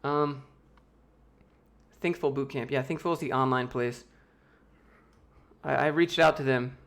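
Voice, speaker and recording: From a room at home, an American YouTube host speaks into a desk mic during a casual livestream Q&A, reading chat questions aloud and answering loosely, with quick jokes in between. His medium-pitched voice is steady, gravelly and a bit bright.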